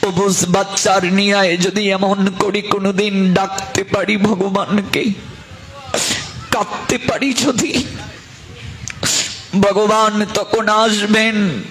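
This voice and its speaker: A man giving a devotional sermon, acting out quoted voices and slipping into song and drawn-out chanting. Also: sits high, level tone, a bit bright, a little hiss or hum. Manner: acts out quoted voices of guru, child and mother; chants the divine name slowly and drawn out. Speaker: kirtan singer and Gita lecturer. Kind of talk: devotional sermon with sung passages.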